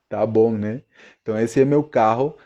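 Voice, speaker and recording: Guy teaching on a live stream, slow and mellow, keeps asking if everyone's following. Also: mid-range voice, lo-fi sound. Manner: chatty, checks in with viewers often. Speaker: Spanish teacher. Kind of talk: live online lesson.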